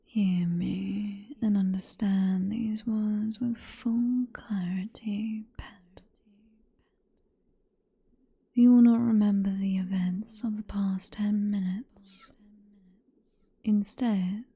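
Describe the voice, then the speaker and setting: Whispering softly and breathily, a woman with a British accent roleplays a seductive, possessive vampire professor for ASMR, full of condescending affection as she teases and coaxes. Her mid-range, exaggerated voice feels commanding and hypnotic.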